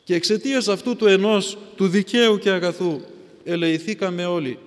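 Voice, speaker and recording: A man's voice: high-pitched, natural voice. A man voicing a stern holy ascetic who rebukes a crowd from his pillar, solemn and repetitive. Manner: solemn, reproachful, repeats himself for emphasis. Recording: long hall reverb.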